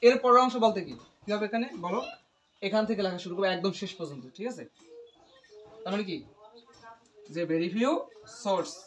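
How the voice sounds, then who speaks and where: A man's voice: sits high, moderate pace, pauses often, a bit bright. A man tutoring English grammar, asking questions and repeating the student's answers, explaining step by step. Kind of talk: English grammar lesson with call-and-response.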